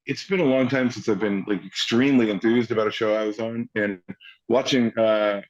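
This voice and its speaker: A slightly fast man with a voice on the low side, an actor guest in his forties, shares casual anecdotes. He's animated, playing out the characters he quotes, and the lo-fi recording is a bit dull.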